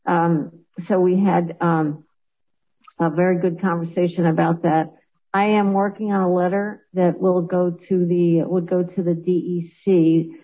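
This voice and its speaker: Over a remote call with tinny, phone-like audio, a woman legislator presents a resolution at a public meeting. Her voice is on the low side with a breathy edge, and her formal remarks come out hesitantly, full of fillers.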